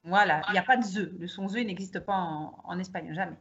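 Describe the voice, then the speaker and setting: A woman's voice: lowish voice, brisk, dull audio. A woman teacher guiding a partner through pronunciation examples, prompting her to speak. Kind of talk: classroom demonstration dialogue.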